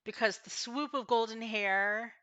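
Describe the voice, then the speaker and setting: A woman narrating a tabletop fantasy game as game master, improvising haltingly as she thinks aloud. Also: on the high side, bright, forceful tone, dull audio.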